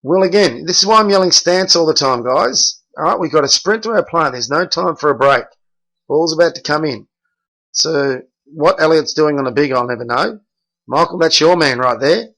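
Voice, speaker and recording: A man's voice: on the high side, expressive, moderate pace, a bit bright, poor audio. A middle-aged man, a basketball coach reviewing game film and bluntly correcting his players by name.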